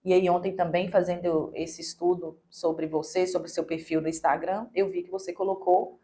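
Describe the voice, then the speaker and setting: A woman's voice: lowish voice, level tone, normal speed, dark tone. Woman host asking questions. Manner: brief affirmations, guiding questions. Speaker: podcast host. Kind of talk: casual interview talk.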